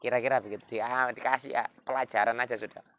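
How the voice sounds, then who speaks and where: A man tells a story to children in a loose, chatty way. His mid-pitched voice has a gravelly edge. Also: fairly even intonation, rapid-fire, bright, forceful tone. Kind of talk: casual storytelling for kids.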